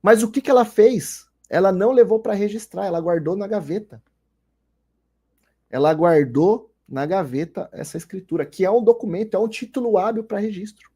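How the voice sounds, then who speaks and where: A man's voice: sits high, moderate pace, warm tone, slightly rough. A man with a Brazilian Portuguese accent giving a recorded online law lecture, explaining step by step and checking in with rhetorical questions. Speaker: law lecturer, former notary clerk.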